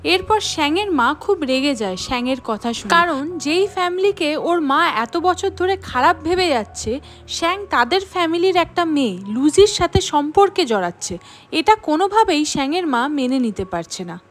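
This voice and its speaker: A woman's voice: sits high, moderate pace. A woman narrating the plot of a drama scene by scene and reading out the characters' lines as she goes. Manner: lively storytelling, reading out each character's lines. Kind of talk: scripted story narration.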